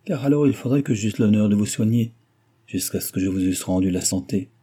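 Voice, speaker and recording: A man's voice: fairly low pitch, brisk, warm tone, husky. A man voicing a witty older doctor who teases dryly while reading a novel aloud. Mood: teasing. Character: witty older male doctor, teasing and dry.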